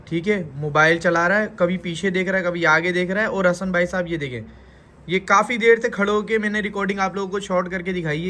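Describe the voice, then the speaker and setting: High-pitched and sharp-toned, this Pakistani father speaks with a Karachi Urdu accent. In his casual family vlog, he lectures and scolds his kids.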